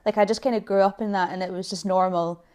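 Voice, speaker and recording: A young adult woman from Edinburgh, Scotland hosts a podcast, conducting a casual interview in a chatty way peppered with "like" and "kind of." Her mid-range voice is steady and quick, heard over a noisy crowd.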